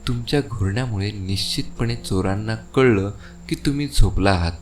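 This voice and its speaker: A brisk young inspector fires off sharp questions in a fairly low voice, as a man reads the part. Soft music plays underneath. The pace stays quick and commanding. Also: lightly acted. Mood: stern questioning.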